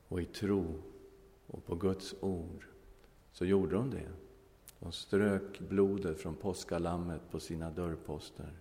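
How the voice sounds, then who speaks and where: A man's voice: sits low, warm tone. A male preacher giving a sermon, telling a Bible story with humor and ending in prayer. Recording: long echoing hall reverb.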